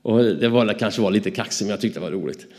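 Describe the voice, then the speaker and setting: Low, mellow Swedish man telling stories. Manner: animated, acts out dialogue in his stories. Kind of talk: anecdotal storytelling.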